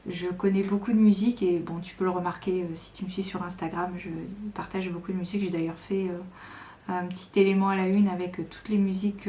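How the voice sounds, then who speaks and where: A woman talks casually to her viewers, pausing often on fillers while staying enthusiastic. Her voice sits at a middle pitch. The room is echoey, with a faint hiss behind her. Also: a little mellow. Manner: hesitant, many fillers, chatty and enthusiastic. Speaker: tarot and oracle card YouTuber. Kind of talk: casual chat to camera.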